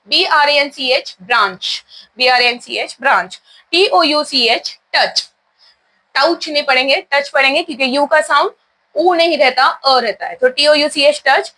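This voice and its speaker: A woman's voice: high-pitched, sharp tone. A woman with an Indian accent teaching English pronunciation, spelling each word out letter by letter and then saying it, repeating words as a drill.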